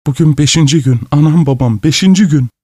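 A man voicing a quiet old village grandmother who whines tearfully. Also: a little high, a little fast, no room sound, clean studio sound, pitched above the performer's own voice, close to an everyday voice. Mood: whining. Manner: whining, tearful.

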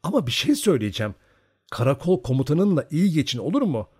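A man's voice: on the high side, very animated, quick pace, a little mellow, husky, pitched above the performer's own voice. A man voicing a caring old Cossack mother in an audiobook, fussing and giving advice. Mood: fond advising. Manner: fussing, pleading, advising. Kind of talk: audiobook character voice.

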